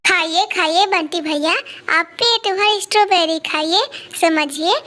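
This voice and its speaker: A woman's voice: very high voice, measured pace, bright, forceful tone, heavily acted. A woman voicing a generous, cheerful little female bird in a cartoon story, eagerly offering food. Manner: eager, hospitable.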